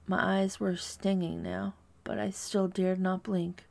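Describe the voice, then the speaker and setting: Woman, horror story narration, very gravelly voice, dark mellow tone, flat hushed delivery. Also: mid-range voice. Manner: hushed, measured, dread-filled delivery.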